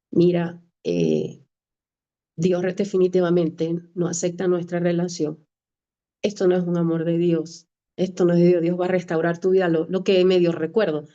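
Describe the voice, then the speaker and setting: A woman's voice: lowish voice, warm tone. Earnest woman giving a faith testimony. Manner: earnest, emotional, re-enacts dialogue. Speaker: testimony speaker. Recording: dull lo-fi sound.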